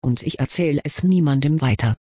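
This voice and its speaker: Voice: medium pitch, normal speed, mellow, breathy edge, no echo, studio quality, close to an everyday voice. A reader voicing a stubborn, somewhat worried schoolboy wizard in an audiobook of fan fiction, answering in a defensive, wry way. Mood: questioning, wry.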